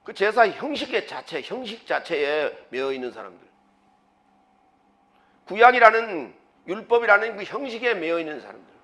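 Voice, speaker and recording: A man pastor preaching a sermon, emphatic, with rhetorical questions and sudden loud bursts. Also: high voice, sing-song, moderate pace.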